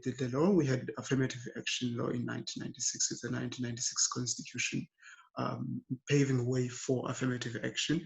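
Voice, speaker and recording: South african-born guy on a panel, a bit gravelly, thinks as he goes, lots of restarts. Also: mid-range voice, rough recording. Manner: thoughtful, hesitant, many fillers and restarts. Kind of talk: panel discussion talk.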